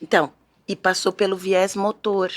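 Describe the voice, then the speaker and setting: A woman's voice: medium pitch, steady tone, normal speed. A woman speech therapist from Brazil, explaining as an interview guest in a didactic, step-by-step way.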